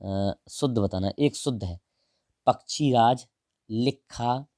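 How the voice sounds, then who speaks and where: A man teaching exam prep, going through answers one option at a time in a casual, direct way and drawing some words out slowly. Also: medium pitch, mellow, no room sound, clean studio sound. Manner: explains each option, stretches out words while writing; casual and direct, calls the listener brother. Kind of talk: answer-key walkthrough lesson.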